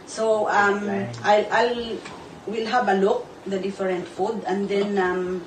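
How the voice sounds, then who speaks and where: A woman host from the Philippines, speaking haltingly with many fillers. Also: mid-range voice, flat delivery. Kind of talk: casual talk. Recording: echoey room, distant mic, noisy.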